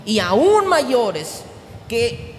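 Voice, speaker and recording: A pastor preaching a sermon, moving from low, intimate tones up to shouted climaxes. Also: male voice, wildly swooping pitch, very slow, a little hiss or hum. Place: large church hall. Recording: echoey hall with music behind.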